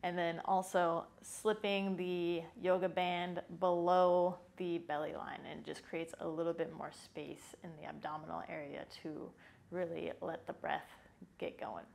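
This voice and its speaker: A woman, around her thirties, calmly guides a yoga breathing exercise in an informal, unhurried way, speaking indoors into a lapel mic. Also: lowish voice, creaky. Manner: calm, unhurried, informal instruction. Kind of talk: guided follow-along breathing lesson. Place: small indoor yoga room. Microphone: lapel microphone.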